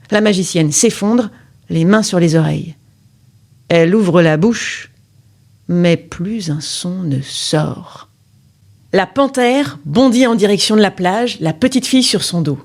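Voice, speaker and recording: A woman reading a children's story aloud with expressive, dramatic storytelling. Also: on the low side.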